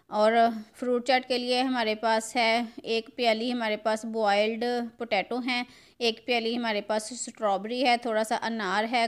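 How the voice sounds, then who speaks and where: A woman's voice: a little high, smooth. A middle-aged woman, walking viewers through a recipe step by step in her home kitchen. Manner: homely, step-by-step instructions addressed to viewers. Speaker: cooking channel host. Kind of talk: home cooking tutorial narration.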